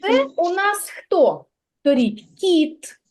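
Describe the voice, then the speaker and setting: High-voiced teacher coaching small kids. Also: female voice, sing-song, darkish tone. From Ukraine. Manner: slow, clear, sounding out letters for small children. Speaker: kindergarten teacher. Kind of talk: literacy lesson for preschool children. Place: kindergarten classroom.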